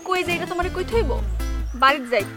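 Brief: high, quick, sharp-tongued village fiancée played by a woman. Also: over music. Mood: scornful. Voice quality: scolding and blunt. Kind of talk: village comedy drama acting.

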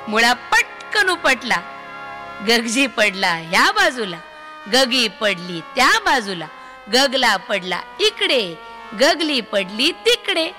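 Slow, sing-song woman storyteller. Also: fairly high pitch, very animated, pushed and bright, soft background music. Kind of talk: children's story reading.

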